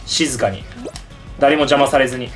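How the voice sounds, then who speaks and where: A man hosting excited game commentary, yelling at his teammates and the game. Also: medium pitch, normal speed, faint music behind. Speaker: gaming channel host.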